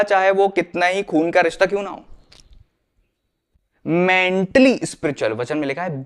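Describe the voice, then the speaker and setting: A man's voice: sits high, clean tone. A man preaching an earnest sermon, mixing English phrases into his talk and acting out the people he quotes. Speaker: pastor.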